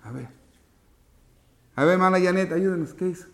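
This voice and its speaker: A man's voice: high-pitched, moderate pace. A man teaching a Bible class to children, asking patient questions and calling on pupils by name. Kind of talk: interactive Bible lesson with children.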